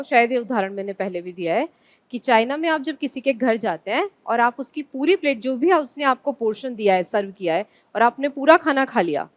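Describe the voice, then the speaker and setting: Woman, teacher, high pitch, dry close sound, lecture with rhetorical questions. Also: dry recording. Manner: poses rhetorical questions to students and answers them herself. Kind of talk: online exam-prep lecture.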